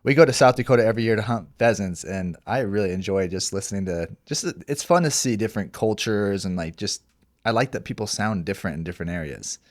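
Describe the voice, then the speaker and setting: A man's voice: lowish voice, quick pace, dry recording, clean studio sound. A man co-hosting a podcast in casual chat, joking around and laughing often. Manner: joking, laughs often, slips into put-on accents. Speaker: podcast co-host.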